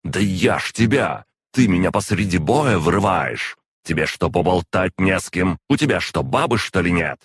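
A man reading an audiobook and voicing a furious, imperious female demoness who shouts and scolds. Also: rumbling low, normal speed, hardly any pauses, breathy edge, no echo, clean studio sound. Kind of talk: audiobook narration.

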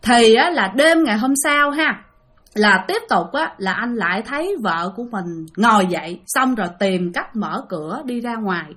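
A woman's voice: fairly high pitch, animated, normal speed, fairly bright tone, husky. A woman with a Southern Vietnamese accent telling a ghost story chattily, often addressing her listeners.

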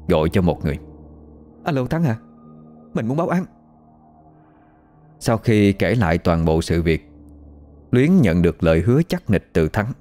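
A man narrating a scripted ghost story in an expressive storytelling manner. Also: deep voice.

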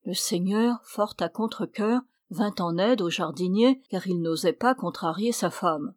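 A woman storyteller reading a fairy tale aloud in a measured, clear narrating voice. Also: lowish voice, no room sound, studio quality.

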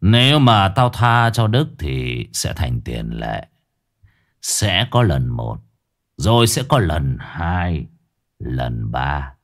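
A man voicing a cold, menacing middle-aged gang boss who talks slowly and threateningly. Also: rumbling low, very animated, voice pushed down, exaggerated voice. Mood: cold menace.

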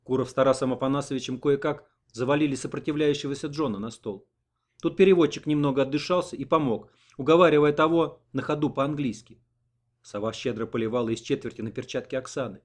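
A man reading an audiobook in an expressive narrating style. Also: medium pitch, fast talker. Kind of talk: scripted narration.

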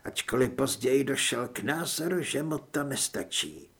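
A man's voice: medium pitch, lively intonation, gravelly, breathy edge, exaggerated voice. A man doing a cold, suave government handler. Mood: cold polite. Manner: polite, measured, quietly menacing. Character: cold, smiling middle-aged male government official.

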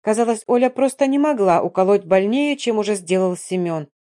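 A woman narrating a first-person audiobook in a calm, even reading voice. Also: mid-range voice, a little fast.

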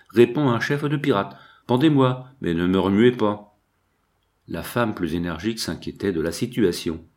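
A man narrating a classic novel in a measured audiobook manner. His voice sits on the low side. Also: darkish tone.

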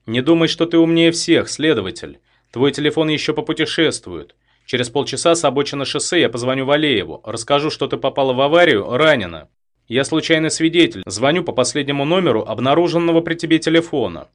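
A man's voice: mid-range voice, moderate pace, fairly bright tone, natural voice. A man voicing a mocking, threatening male killer who was a boxer. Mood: mocking, menacing.

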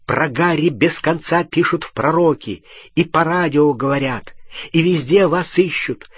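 Man doing a defensive teenage boy, guilty, pleading, raised lively voice, husky, dry audiobook recording. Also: on the high side, moderate pace, no echo, pitched above the performer's own voice. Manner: pleading, shouting back defensively. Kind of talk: audiobook character voice.

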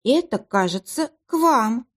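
A woman's voice: fairly high pitch, lively intonation, a little slow, a bit bright, pitched above the performer's own voice. A woman reading aloud and voicing a meek, easily frightened young female office manager who babbles. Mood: frightened babbling.

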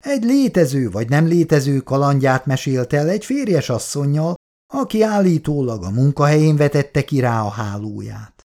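A man's voice: fairly high pitch, big pitch swings, dark tone. A reader voicing Bandi, a husband probing his wife with casual questions in a storybook reading.

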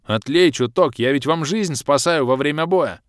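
A man voicing a hoarse, wheezing, pushy male mage who begs for wine in an audiobook. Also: fairly high pitch, moderate pace, no echo, studio quality, pitched above the performer's own voice, lightly acted. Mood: pleading. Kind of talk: audiobook character voice.

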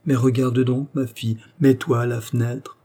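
A man voicing an excitable elderly godfather who proudly shows off his flower, exclaiming with delight. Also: medium pitch, moderate pace, close to an everyday voice. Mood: overjoyed. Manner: eager, exclamatory, boastful.

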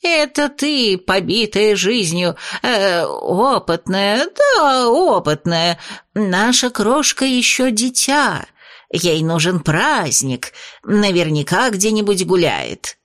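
A woman voicing a cowardly horned male imp with a strained, wheezing voice and drawn-out, pleading words. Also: mid-range voice, big pitch swings, a bit bright. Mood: condescending.

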